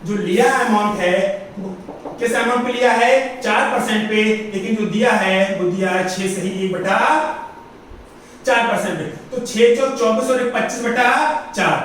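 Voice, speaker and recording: A man's voice: sits high, moderate pace, fairly bright tone. A man teaching a maths lesson, repeating each question back to his students as he works through the sums. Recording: roomy echo, far from the mic, faint hiss.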